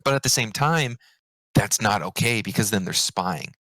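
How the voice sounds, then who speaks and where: A man with a low voice talking casually as a podcast co-host. He gets animated and jumps up in pitch when excited. The sound is dry and close. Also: moderate pace, no echo, low-quality recording. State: hiccups.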